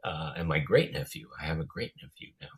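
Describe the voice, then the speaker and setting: A man's voice: a bass voice, very animated, fairly quick, gravelly, breathy edge. A man talking in a casual chat, hesitant, with many fillers and trailing phrases.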